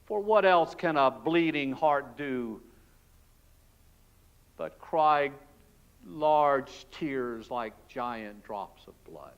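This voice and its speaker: A pastor acting out Barabbas, a frightened freed male prisoner, in an emotional, hushed and halting dramatic monologue in a church. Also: medium pitch, expressive, clear, resonant tone, lo-fi sound. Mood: despairing. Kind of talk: dramatic first-person monologue. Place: church sanctuary.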